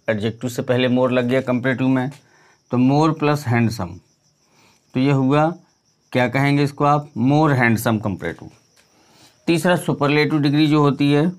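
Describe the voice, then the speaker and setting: A man's voice: fairly high pitch, clear, resonant tone. Man teaching grammar, questioning then answering. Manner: repeats questions to the viewer and answers them. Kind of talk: explanatory classroom lesson.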